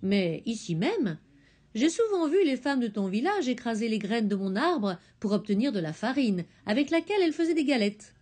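A woman voicing a small, friendly zebra finch in a storybook, speaking high and slow. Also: very animated, a little mellow.

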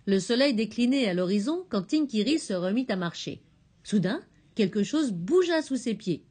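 A woman narrating a children's storybook, expressive and gentle. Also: a little high, normal speed.

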